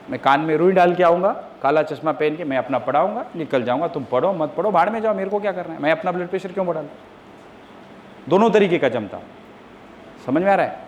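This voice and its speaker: A high-pitched man lectures a roomful of students, swinging from sharp scolding to patient, deliberate dictation of formulas. The classroom recording carries a faint hiss of background noise. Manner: scolding students loudly, then calm step-by-step teaching. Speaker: coaching class teacher.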